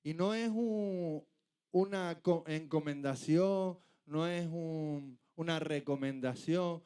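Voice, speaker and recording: High-voiced emphatic preacher man. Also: slow, mellow, smooth. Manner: emphatic, rhetorical questions, rising to urgent peaks. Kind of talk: sermon.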